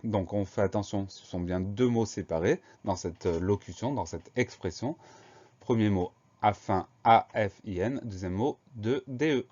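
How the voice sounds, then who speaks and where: Guy teaching spelling, lowish voice, spells every letter out slow, kinda dull lo-fi sound. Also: mellow. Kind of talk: spelling dictation lesson. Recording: dull lo-fi recording.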